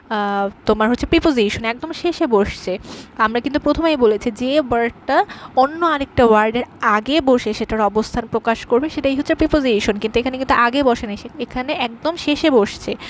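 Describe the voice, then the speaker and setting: A young woman teaching English grammar to students, patient and repetitive, pausing often with fillers as she explains. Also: a little high, a little hiss or hum. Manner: patient, repeats key terms with many fillers.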